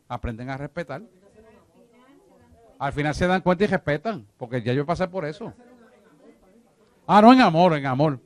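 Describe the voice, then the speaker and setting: A man teaching a church discipleship class, emphatic and repetitive, often asking if his listeners follow him. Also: a little high. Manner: emphatic, repeats himself, asks listeners if they follow.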